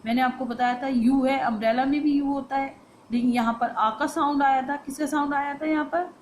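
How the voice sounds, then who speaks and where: A woman teacher explains a grammar lesson to students. She poses questions and answers them herself, and says the phrases slowly and with stress. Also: high voice, fairly even intonation, a little hiss or hum, rough recording.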